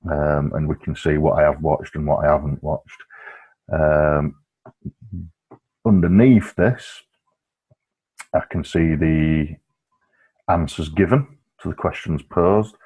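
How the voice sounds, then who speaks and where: A man tutor explaining an online tool step by step in a relaxed screen-recorded walkthrough, with frequent fillers. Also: a bass voice, slow, pauses often, breathy edge.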